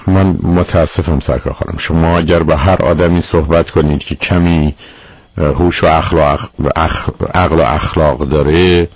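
A man with a very low, husky voice gives blunt, firm advice to a caller on a radio show. The broadcast sound is dull and lo-fi, with a dry, close feel. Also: dry recording. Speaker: radio counselor.

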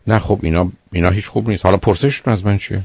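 Very deep-voiced blunt radio advice host. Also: male voice, fairly even intonation, husky, no echo. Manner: blunt, lecturing, rises in pitch when exasperated. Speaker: radio call-in psychologist host. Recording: muffled radio broadcast, dry studio.

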